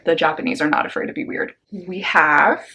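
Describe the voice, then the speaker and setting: A young woman talks through her stack of new books in a relaxed, slangy way, full of quick asides. Her voice sits a bit low for a woman. It sounds like an easygoing vlog chat. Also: a little hiss or hum. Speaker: book vlogger. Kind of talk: casual book haul chat.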